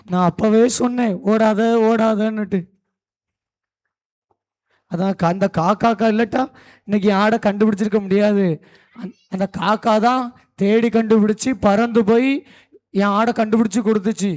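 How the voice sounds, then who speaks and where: Man voicing a goat's owner, puppet show, anxious, scolding, high voice. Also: steady tone, moderate pace, long pauses, a little mellow, close to an everyday voice. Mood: relieved. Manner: warning, anxious, lamenting. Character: fretful farmer, goat's owner.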